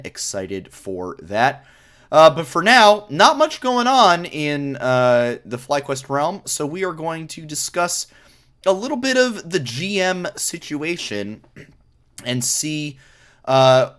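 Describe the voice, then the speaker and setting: A man's voice: medium pitch, a bit bright. A man hosting a casual esports stream chat, joking and laughing often. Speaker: host.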